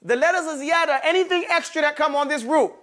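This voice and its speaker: Guy teaching grammar in a mosque class, high voice, keeps quizzing the students and repeating words. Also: quick pace, fairly bright tone. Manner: quizzes students, repeats terms and drills them.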